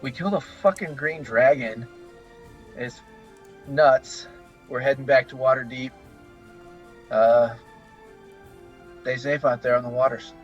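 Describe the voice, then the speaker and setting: A man playing in a tabletop game, chatting casually in a slow, laid-back way. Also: mid-range voice, muffled recording, soft background music. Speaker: player. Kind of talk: casual chat.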